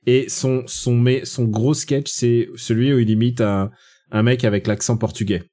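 Male podcast host, mellow dark tone, chatty and digressive. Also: mid-range voice, steady tone, moderate pace. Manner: chatty, digressive, with frequent restarts. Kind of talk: casual film chat.

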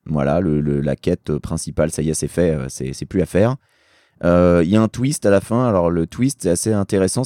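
A man with a very deep, soft-toned voice that is worn and hoarse from yelling, recorded close and dry. He sounds tired and rambles casually as a talk show guest, with dry, self-deprecating jokes. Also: dry recording.

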